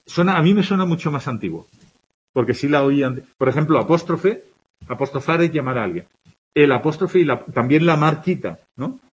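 A man with a Spanish accent from Spain teaches a grammar lesson, listing examples and checking that his students follow. His voice is a little high and breathy, and his pitch rises and falls a lot as he explains. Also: animated, moderate pace.

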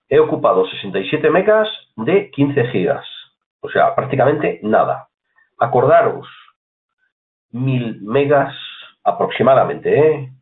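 A man teaching a beginners' computer course in a screen-recorded tutorial. He talks in a chatty way, repeats his points and keeps checking with "¿vale?". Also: a little high. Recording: tinny phone-like audio.

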